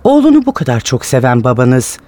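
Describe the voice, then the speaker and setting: An actor playing a calm male police inspector in a radio drama who asks polite, probing questions. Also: medium pitch, fairly quick.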